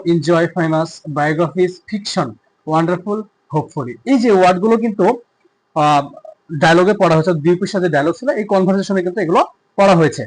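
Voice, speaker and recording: Bangladeshi male teacher, high voice, reads English slowly and carefully, then explains. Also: low-quality recording. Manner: slow, careful reading of English lines, then explaining them. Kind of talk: textbook lesson explained in Bengali.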